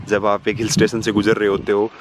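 A man's voice: fairly low pitch, completely flat delivery, fast talker. A young man in a casual travel vlog, chatting and pointing out the views, filming himself with a phone from inside a car. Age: young adult. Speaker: travel vlogger. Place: inside a car on mountain roads. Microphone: phone held at arm's length. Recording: loud road and rain noise. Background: car and road noise.

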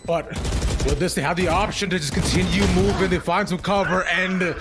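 A man's voice: sits high, fairly even intonation, moderate pace. A man casting an esports match in a playful, joking way, often breaking off mid-sentence, over noisy stream audio. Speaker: esports caster. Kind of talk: casual play-by-play commentary.

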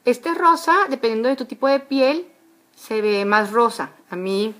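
Woman, 40s, homely beauty vlogger, rambling casual tutorial talk, slightly high voice, phone mic in a bedroom. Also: animated, a little slow, fairly bright tone. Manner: chatty, homely, many fillers. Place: bedroom at home. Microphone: phone camera at arm's length.

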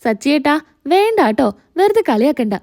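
A woman voicing a gentle young wife who coaxes her husband. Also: high-pitched, big pitch swings, fairly quick, no echo, clean studio sound. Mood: pouting. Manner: coaxing, pleading.

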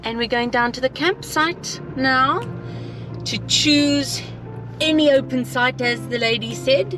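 A woman's voice: sits high, takes it slowly, music in the background. A middle-aged South African woman chatting casually on a travel vlog in a car, often repeating her phrases. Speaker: travel vlogger. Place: inside a moving car. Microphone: action camera held in hand. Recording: in-car recording, somewhat distant mic.

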